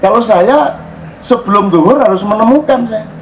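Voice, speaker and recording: A man giving an informal religious talk to a crowd, lively and joking, dropping into phrases and acting out exclamations. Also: high-pitched, normal speed, slight background noise, rough recording. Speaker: religious speaker at a public gathering. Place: open-air public gathering.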